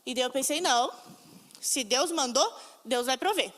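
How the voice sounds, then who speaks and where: A woman's voice: high-pitched, expressive, moderate pace, a bit bright. A Brazilian woman preaching a sermon, telling stories emphatically and acting out the voices she quotes. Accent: Brazilian Portuguese. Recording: long reverb of a hall.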